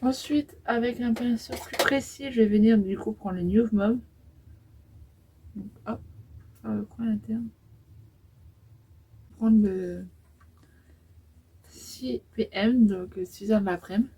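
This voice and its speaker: A woman's voice: a little high, slow, long pauses, dark tone, slightly rough, poor audio. A woman in her twenties talking through a makeup tutorial in a casual, hesitant way, with many fillers as she applies eyeshadow. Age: 20s. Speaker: beauty vlogger.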